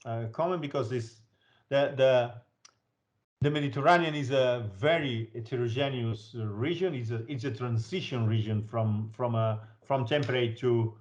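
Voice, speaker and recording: A man with an average-pitched voice speaks as a webinar presenter. His academic explanations come in halting pieces, with words often repeated as he goes. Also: dull audio.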